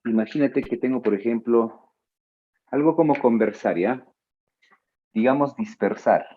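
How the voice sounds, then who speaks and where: A male teacher giving a spelling lesson, drawing out his words slowly and adding playful asides to his students. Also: medium pitch, dull audio. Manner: slow, drawn-out words, playful asides to the listener.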